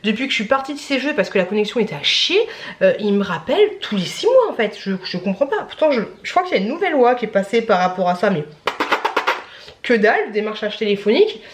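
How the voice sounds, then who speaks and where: A woman's voice: medium pitch, big pitch swings, quick pace, slight background noise. A young adult woman chatting casually at home in a vlog, rambling and acting out phone calls. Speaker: vlogger. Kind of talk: casual chat.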